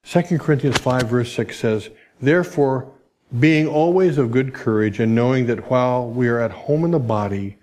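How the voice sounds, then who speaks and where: A male pastor preaching a sermon in a conversational way, his voice climbing for emphasis and dropping low and soft for reflective points. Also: normal speed. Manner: conversational preaching with restarts and asides.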